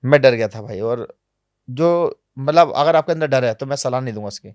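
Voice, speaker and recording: A man being interviewed on a podcast, telling travel stories in a lively, animated way, sometimes dropping to low, quiet asides. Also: normal speed, clear, resonant tone, no echo, studio quality. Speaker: travel vlogger guest. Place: podcast studio.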